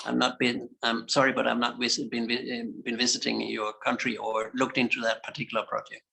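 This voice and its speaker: A man's voice: medium pitch, flat delivery, a little fast, vocal fry, sharp tone, rough recording. A man answering audience questions in an online discussion, candid and somewhat hesitant. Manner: candid, hesitant, with small laughs. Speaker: invited speaker.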